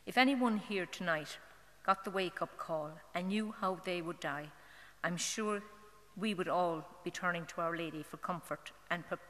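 A woman's voice: on the low side, fairly bright tone. Earnest Irish mother in an echoing church. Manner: earnest, halting, with fillers and restarts. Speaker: mother giving a testimony at a parish novena. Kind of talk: personal testimony talk. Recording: long church hall reverb.

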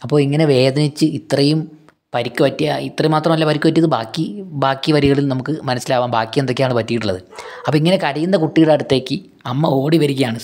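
Man, teacher, casual lesson, patient, repeats himself, asks and answers questions, mid pitch. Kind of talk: casual lesson explaining a poem.

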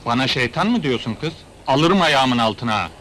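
An actor playing a blunt, grumbling Turkish migrant worker in a film comedy. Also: male voice, medium pitch, animated, moderate pace, sharp tone, a little hiss or hum. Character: plain-spoken Turkish migrant worker, man. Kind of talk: 1980s film comedy acting.

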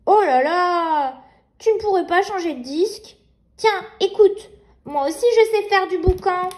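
Woman playing high-pitched feisty little girl. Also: measured pace. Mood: cheeky, bossy. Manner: childlike, exclamatory. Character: feisty, cheeky little girl, proud big sister. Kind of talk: children's storybook read aloud.

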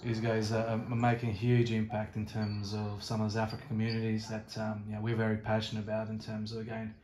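Flat-voiced man, stumbling over his words. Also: lowish voice, quick pace. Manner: rambling, stumbling praise with repeated words. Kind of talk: casual online community call. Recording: echoey room with faint noise.

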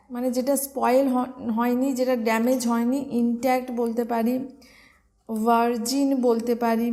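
With a fairly high, warm voice, this Bengali-accented woman from West Bengal runs an exam-prep vocabulary lesson in English. She walks through every word step by step, spelling it letter by letter and answering questions she raises herself.

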